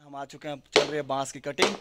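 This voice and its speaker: The audio is very noisy as a young man from West Bengal, India, speaks fast in a fairly high voice. Holding his phone at arm's length in a backyard, this young adult vlogger narrates casually straight to his audience.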